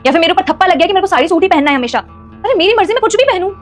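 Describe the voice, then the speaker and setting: A woman's voice: very high-pitched, animated, rapid-fire, soft background music. A woman playing a defiant, stubborn young bride in a family drama skit, arguing with indignant retorts.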